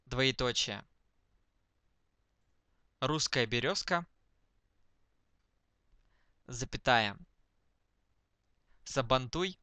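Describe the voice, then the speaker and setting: Male, unhurried and clipped, bright tone, dictating to speech-to-text with spoken punctuation. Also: mid-range voice, lively intonation, smooth, no room sound. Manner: speaks punctuation marks aloud, word by word. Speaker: dictation demonstrator.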